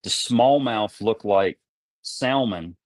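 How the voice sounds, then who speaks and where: A man's voice: on the low side, a little fast, no room sound. A man telling rambling fishing stories in a folksy way, repeating words as he goes, in a casual interview. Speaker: guest, tournament kayak angler.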